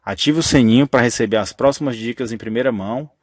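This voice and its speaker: A man's voice: mid-range voice, quick pace, dry recording, studio quality. A man teaching a grammar lesson in a patient, methodical way, restating each rule and checking in with the listener. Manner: patient, methodical, repeats key rules.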